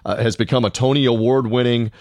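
A man's voice: mid-range voice, fairly even intonation, fast, darkish tone, no room sound, studio quality. A man co-hosting a casual movie podcast, rambling with lots of hesitation and a sarcastic edge. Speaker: podcast co-host.

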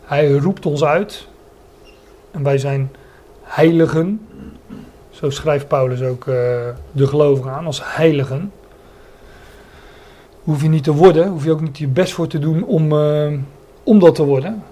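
A man's voice: fairly high pitch, measured pace, long pauses, dark tone. A man preaching a Bible sermon, often stopping to search for words and restate a phrase, and explaining the meanings of Greek words.

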